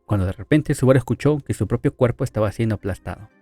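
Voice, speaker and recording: A man's voice: medium pitch, fast talker, warm tone, faint music behind. A man narrating a light-novel story summary in a casual, conversational way, with asides and tag questions.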